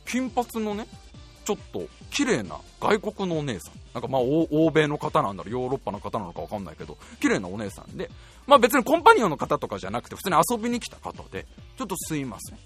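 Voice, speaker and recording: A man telling a comic anecdote in a casual, animated way, often laughing as he goes. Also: a little high, fast talker, faint music behind. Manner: animated, laughing while telling a story, acting out voices.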